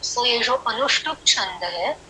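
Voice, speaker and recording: A woman's voice: on the high side, expressive, slow, pushed and bright, slight background noise, rough recording. A woman teaching a Sanskrit class online, explaining patiently and counting syllables aloud as she switches between Hindi and English.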